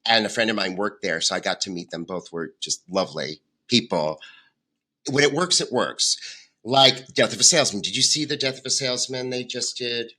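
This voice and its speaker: A man's voice: fairly low pitch, moderate pace, sharp tone. A man in his fifties hosting a podcast, chatting and reminiscing in a loose, filler-filled way. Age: 50s. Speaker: podcast host. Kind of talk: casual chat.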